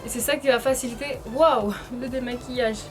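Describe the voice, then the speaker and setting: Woman with braces, high voice, music behind. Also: steady tone, brisk. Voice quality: slightly impeded speech from painful dental braces. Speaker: beauty vlogger presenting a tutorial. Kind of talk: casual chatty makeup-removal tutorial.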